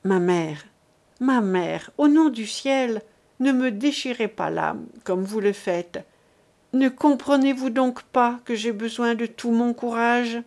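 A woman reading aloud as a young man speaking calmly and solemnly, with resolve. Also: fairly high pitch, slow pace. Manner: calm, solemn.

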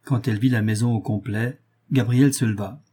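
Male audiobook narrator, measured novel reading, mellow and husky. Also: mid-range voice, fairly even intonation.

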